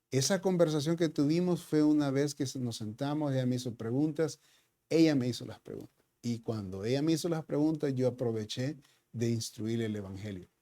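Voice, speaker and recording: A man preaching a sermon in a church, talking like a pastor sitting down with his congregation. His voice is mellow and dark, never sharp, and he keeps checking in with "ok?" and slips into English fillers like "so". The delivery is loose and conversational rather than polished. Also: medium pitch.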